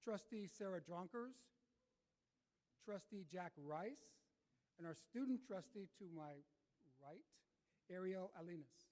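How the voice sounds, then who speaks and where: A man's voice: high voice, lively intonation, unhurried, long pauses, darkish tone. A man making formal ceremony announcements in a podium speech as the host of a commencement, over a PA in a large hall. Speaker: college president hosting commencement. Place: large commencement venue, on stage.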